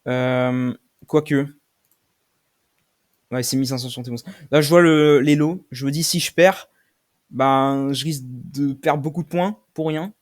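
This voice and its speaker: A man's voice: medium pitch, steady tone, unhurried. Swearing French-speaking gamer man. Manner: swears often, shouts in frustration at losses. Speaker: gaming streamer. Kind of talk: live game commentary.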